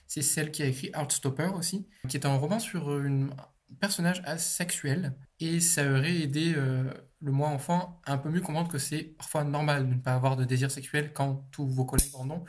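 A man's voice: fairly high pitch, steady tone, moderate pace, a little hiss or hum. A young man, an author, answering interview questions in a casual, chatty way, with frequent fillers and the odd swear.

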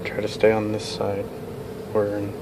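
A man talks a learner through driving like a casual instructor. His directions are short and often repeated. The recording is made inside a car, with clear vehicle noise around his voice. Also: fairly low pitch, monotone, a little slow. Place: inside a car in a parking lot. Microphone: handheld camera from passenger seat. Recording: noisy moving car interior.

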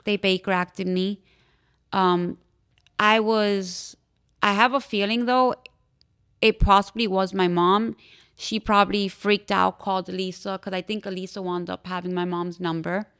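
Candid young woman from Miami, smooth voice. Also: mid-range voice, fairly even intonation, fairly bright tone. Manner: candid, halting, with frequent fillers and restarts. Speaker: interview guest. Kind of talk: personal testimony in a podcast interview.

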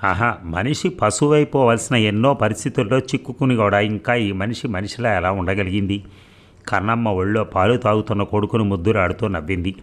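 A man reading a novel aloud as an audiobook narrator, in a steady, expressive manner. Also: lowish voice, a little fast.

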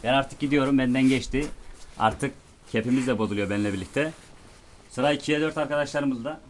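Young soldier giving a formal farewell. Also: male voice, mid-range voice, brisk, slight background noise. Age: young adult. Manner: solemn, formal address to fellow soldiers. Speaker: departing soldier. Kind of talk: farewell speech. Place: military unit outdoors among soldiers.

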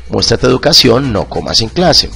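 A man teaching English vocabulary in Spanish. He says each classroom phrase slowly, repeats it, and then translates it. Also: mid-range voice, very animated, creaky, bright, forceful tone, soft background music. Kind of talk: bilingual vocabulary lesson.

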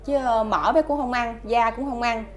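Woman, Southern Vietnamese accent, slightly high voice, hesitant, polite, filler-heavy speech. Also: fairly even intonation, moderate pace, soft background music. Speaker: mother of the child, interviewee. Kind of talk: casual interview answers.

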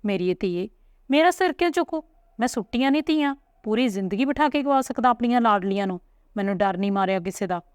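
A woman's voice: mid-range voice, flat delivery, fast talker, hardly any pauses, a little mellow, clean tone, no echo, studio quality, close to an everyday voice. A woman voicing a loving father of daughters who defends them fiercely in a read-aloud story. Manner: fierce, protective.

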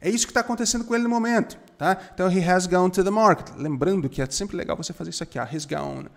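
A man's voice: sits high, very fast. A young man, teaching English grammar in a casual, emphatic way and often firing questions at the viewer. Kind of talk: casual spoken grammar lesson.

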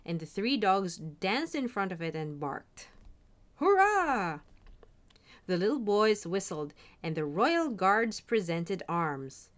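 A woman reading a fairy tale aloud in an animated storytelling manner. Her mid-pitched voice swings widely in tone as she follows the story.

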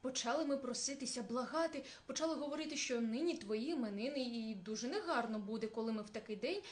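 A woman's voice: fairly high pitch, quick pace, close to an everyday voice. A woman voicing a small, clever hare who speaks as politely as he can. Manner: polite, pleading.

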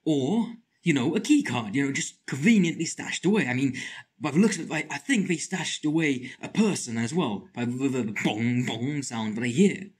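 Excitable husky man with a lisp. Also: medium pitch, moderate pace. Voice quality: slight lisp. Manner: excitable, shrieks and mutters to himself. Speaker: gaming channel host. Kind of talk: let's play commentary.

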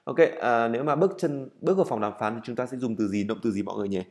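Man teaching English, repeating words slowly. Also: mid-range voice, darkish tone. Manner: explains step by step, writing on a board; frequent fillers and self-corrections. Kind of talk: recorded online lesson.

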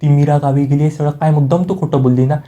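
A man's voice: fairly high pitch, steady tone, fast talker, dark tone, lightly acted. A man voicing a worried, apologetic young man within a spoken serial recap. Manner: worried questioning.

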